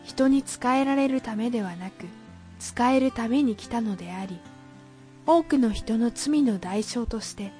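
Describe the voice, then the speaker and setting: A woman voicing a gentle, patient male teacher of scripture, speaking slowly and calmly. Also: fairly high pitch, faint music behind, lightly acted. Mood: calm, teaching.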